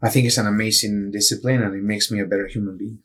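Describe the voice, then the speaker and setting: A man's voice: fairly low pitch, fairly even intonation, fast talker. A middle-aged man from Peru, a neurosurgeon guest in an interview, explaining things earnestly with frequent restarts. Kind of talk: interview answers.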